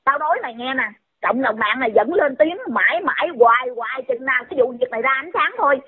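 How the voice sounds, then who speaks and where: A woman's voice: high voice, animated, quick pace, slightly rough. A woman, scolding someone in a heated rant and firing off repeated insulting questions. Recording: tinny phone-line audio.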